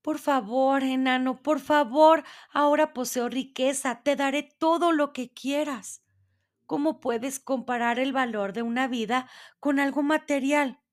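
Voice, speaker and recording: A woman voicing a young miller's daughter turned queen, begging in a high, imploring voice in a storybook reading. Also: a little slow, hardly any pauses, darkish tone. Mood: pleading.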